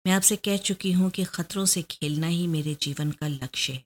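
Woman reading a gutsy young lady detective, earnest and insistent, lowish voice, storybook. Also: close to an everyday voice. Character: young woman undercover detective, determined and proud.

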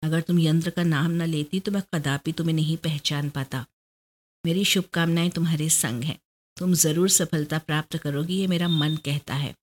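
A woman voicing a kindly, fatherly older male police superintendent who speaks with gentle care. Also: low voice, fairly even intonation. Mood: amazed. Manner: gentle, caring warnings.

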